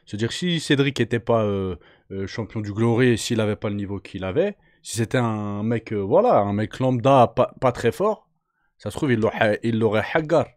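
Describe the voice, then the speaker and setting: Host guy cutting in to explain, dry room, pitch going up and down a lot. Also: animated, dry recording. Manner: explains in slangy terms, pauses to add his own take. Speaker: channel host. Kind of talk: casual commentary on a clip.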